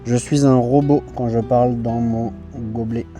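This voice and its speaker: A man's voice: mid-range voice, steady tone, normal speed, music in the background. A man hiking outdoors talking into his cup, so his voice comes out hollow and odd, in a casual chat to viewers. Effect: voice muffled by talking into a cup. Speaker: hiking vlogger. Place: outdoors on a walking trail.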